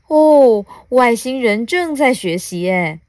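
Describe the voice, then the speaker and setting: A woman voicing a tiny, worried little bug in a children's storybook reading, giving hushed, tutting warnings. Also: medium pitch, animated, slow, no room sound, studio quality. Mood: surprised.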